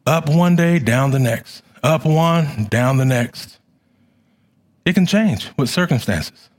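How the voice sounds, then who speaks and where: A middle-aged man preaching a sermon as pastor, with a fervent, repetitive cadence that swells loud and drops to quiet. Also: a little high, expressive, slow.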